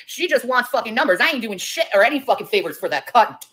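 A woman's voice: on the high side, sing-song, fast, a bit bright, breathy edge. A woman ranting on a livestream, heated, profane and confrontational, talking straight at her critics. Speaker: livestreamer in a played clip. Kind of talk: angry livestream rant.

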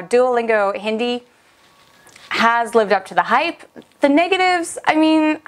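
A young woman reviews a language app in a casual, upbeat vlog, chatty and sprinkled with little fillers. Her voice is on the high side.

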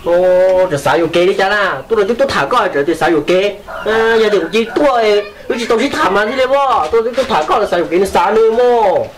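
A woman acting in an amateur drama, speaking in a halting, repetitive way. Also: medium pitch, natural voice, poor audio.

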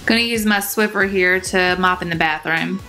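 A young woman chatting casually in voice-over about cleaning her bathroom, relaxed, with frequent ums. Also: fairly low pitch, moderate pace. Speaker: cleaning vlogger. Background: soft pop music.

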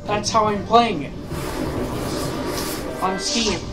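A woman's voice: mid-range voice, slow. A woman giving casual gameplay commentary as the host of a gaming video. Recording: loud game music behind voice. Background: game music.

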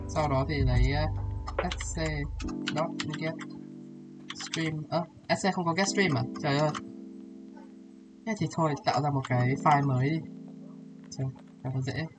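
Guy tutoring coding, thinks out loud, keeps asking if u get it, music going behind. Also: fairly high pitch, steady tone, moderate pace, long pauses, low-quality recording. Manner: thinks aloud while typing, checks understanding often. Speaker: programming tutor. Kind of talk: casual one-on-one coding tutorial.

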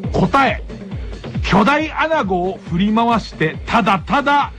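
A man's voice: extremely high pitch, lively intonation, takes it slowly, sharp tone, faint music behind. A man hosting a late-night radio comedy show, laughing and ranting in disbelief. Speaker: radio host.

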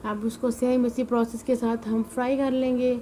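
A woman, the host of a home cooking channel, giving a chatty, homely voice-over while tired and weary from fasting. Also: on the high side, flat delivery, mellow, slight background noise, low-quality recording. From Punjab, Pakistan. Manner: chatty and homely, sprinkles devotional exclamations. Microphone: voice-over mic, not in the pictured kitchen.

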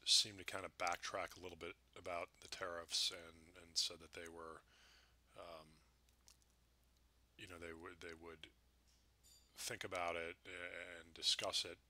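A man with a deep, low voice and a bright, sharp edge walks through the markets in casual commentary over his charts. He has the hiccups and talks loosely, with plenty of fillers and restarts. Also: flat delivery, unhurried, pauses often. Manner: conversational, many fillers and restarts.

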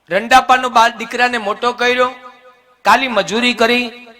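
A man voicing a poor elderly widow who speaks softly and imploringly, sobbing as she pleads. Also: sits high.

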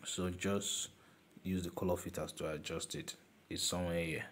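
In this screen-recorded software tutorial, a man with a low, fairly bright voice and fairly even intonation guides viewers step by step through a phone design app at a normal pace. He teaches by repeating steps and keeps calling items "this guy," with slight background noise present.

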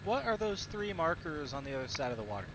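A man's voice: a little high, sing-song, fast talker, a bit bright, slight background noise, poor audio. A man chatting over game voice comms, teasing his squadmates and retelling a story with jokes. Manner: joking, teasing. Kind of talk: casual gaming chat over voice comms.

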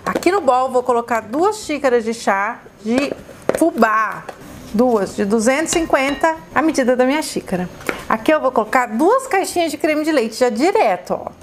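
A woman with a Brazilian Portuguese accent walks through a recipe in a bright, high voice. She talks like a cooking host, effusive and exclamatory, and keeps calling her viewers her loves. A faint hum sits behind her in the kitchen. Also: animated, moderate pace. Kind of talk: chatty cooking demonstration.

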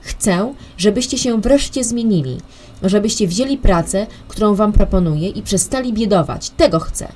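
A woman's voice: mid-range voice, expressive, normal speed, a little mellow, a little hiss or hum, voice pushed up, lightly acted. A woman voicing a bossy, wealthy middle-aged aunt who talks in a commanding, impatient way.

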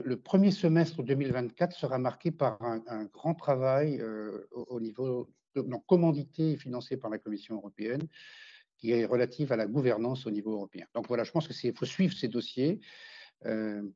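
A man's voice: mid-range voice, mellow. An older man, a veterinarian, speaking in a video call discussion, hesitant and full of fillers and restarts. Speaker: veterinarian taking part in a webinar. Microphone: laptop webcam microphone. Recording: dull lo-fi video call audio.

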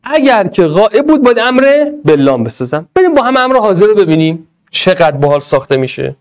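A man teaching Arabic grammar in an energetic, playful way, speaking straight to his students. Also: sits high. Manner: animated, playful, addresses students directly. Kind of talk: energetic online lesson.

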